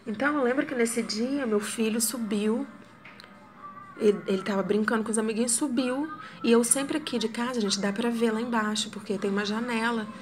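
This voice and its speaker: A woman's voice: a little high, a little fast, faint music behind. Earnest woman in her thirties. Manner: earnest, talks straight to viewers with many fillers. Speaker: widowed mother. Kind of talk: personal vlog storytelling. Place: her apartment at home.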